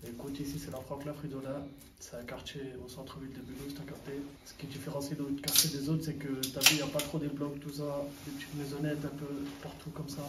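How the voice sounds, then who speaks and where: This casual street interview features a twenty-something rapper, Sri Lankan by heritage and French by upbringing, talking slangy street speech sprinkled with filler tags. He speaks quickly at a medium pitch with little pitch movement. The distant, off-mic capture sounds roomy, with faint street noise from the neighborhood outdoors.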